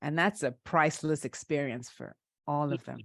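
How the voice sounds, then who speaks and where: A woman's voice: deep voice, moderate pace, creaky, no echo, studio quality. A woman hosting a conversational interview, encouraging and affirming as she listens and asks questions. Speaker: interviewer, host.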